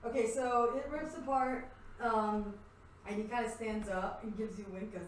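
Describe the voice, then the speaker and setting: A woman's voice: fairly high pitch, steady tone, moderate pace, slight background noise. A young woman narrating a tabletop game as game master, casual and laughing, swearing freely. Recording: echoey room, mic at a distance.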